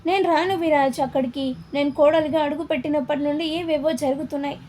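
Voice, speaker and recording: A woman voicing a proud, defensive young wife in a storybook reading, with sharp replies. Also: high voice, steady tone, quick pace, a little hiss or hum, close to an everyday voice.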